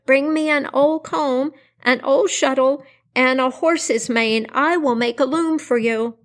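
A woman voicing a small magic doll that helps calmly, giving steady instructions in a slightly raised voice. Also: high-pitched, slow pace, pitched above the performer's own voice. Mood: instructive.

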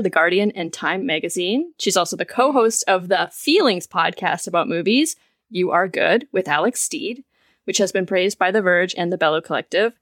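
A woman's voice: mid-range voice, fairly bright tone, dry recording. Woman podcast host, very dry sound. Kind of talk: casual chat and prepared guest introduction.

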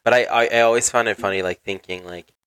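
Very deep-voiced rambling podcast guest, man. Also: fairly even intonation, fast, a bit bright, clear, resonant tone, dry recording, low-quality recording. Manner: rambling, hedging with fillers. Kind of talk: casual chat.

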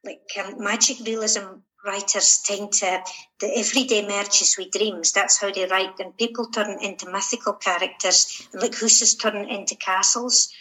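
A woman's voice: mid-range voice, fairly even intonation, normal speed, bright, forceful tone, low-quality recording. A woman with a Shetland Scottish accent answering interview questions in a hesitant, reflective, conversational way. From Shetland, Scotland. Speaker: interview guest, writer and poet.

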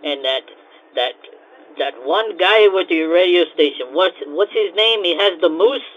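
An actor playing a flustered cocoa-house owner who rants in exasperated, broken grammar and keeps repeating himself. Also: male voice, sits high, lively intonation, measured pace, fairly bright tone, lo-fi sound. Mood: ranting. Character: flustered male cocoa-house owner, frantic, put-upon.

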